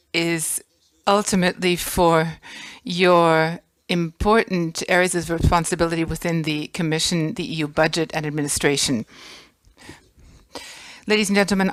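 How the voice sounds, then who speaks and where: Woman hosting a conference, low-ish voice, formal and gracious, pretty dry sound. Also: no echo. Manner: gracious, formal, listing guests with pauses. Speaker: conference host. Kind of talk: formal welcome speech. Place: conference hall.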